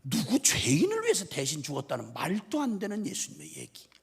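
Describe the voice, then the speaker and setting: Gravelly, husky man preaching in a hall. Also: a little high, fairly quick. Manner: animated storytelling with humor and mimicry. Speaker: missionary preacher. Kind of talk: revival sermon. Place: church sanctuary. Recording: long reverb of a church hall.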